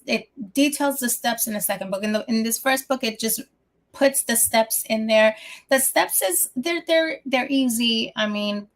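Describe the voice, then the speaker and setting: A woman's voice: medium pitch, gravelly. A woman hosting her own talk show as a coach, speaking casually in a rambling way with many restarts, a little out of breath. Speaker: host and life coach.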